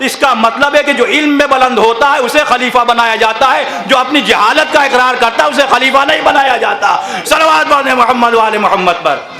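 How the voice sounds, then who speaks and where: A man's voice: extremely high pitch, normal speed, hardly any pauses. A man from northern India, a cleric delivering an impassioned sermon to a religious gathering and calling out to the crowd. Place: religious gathering at a public venue. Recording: echoey public address sound.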